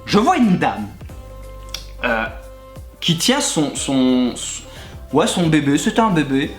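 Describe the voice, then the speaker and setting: A man's voice: a little high, slow. Man telling crude stories in an echoey room. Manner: animated, crude and laughing, addresses the listener directly. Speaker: YouTuber recounting his time as a gym coach. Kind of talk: comedic anecdote storytelling to the viewer. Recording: echoey room with faint background music.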